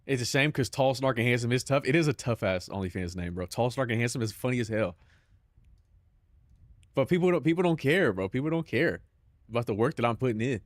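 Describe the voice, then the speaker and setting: Bantering with his stream chat, this young Southern Californian guy curses liberally and keeps saying "bro," his delivery expressive and a little fast. His pitch is ordinary, and the recording has no room echo.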